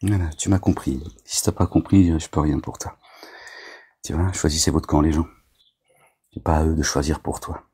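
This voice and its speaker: A man's voice: rumbling low, normal speed, long pauses, dark tone, slightly rough. A man delivering a rambling, agitated monologue to his viewers, scolding them as a self-styled preacher, with constant verbal tics.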